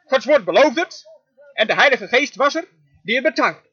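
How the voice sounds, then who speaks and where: Man, very high sharp voice, emphatic dubbed sermon interpreter, dull lo-fi audio. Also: animated, normal speed, breathy edge. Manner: emphatic preaching, frequent amens.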